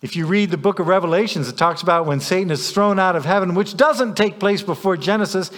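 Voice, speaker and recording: A man's voice: sits high, fast talker, a bit bright, in a large hall. A man preaching a sermon as a pastor, stressing points by repeating phrases.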